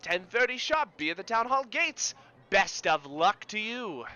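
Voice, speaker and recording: Male performer as a brash fairground barker, raised pitch, hard-sell patter, punchy and bright. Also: sing-song, unhurried, heavily acted. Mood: cheery. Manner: booming sales patter. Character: loud pushy adult male carnival barker.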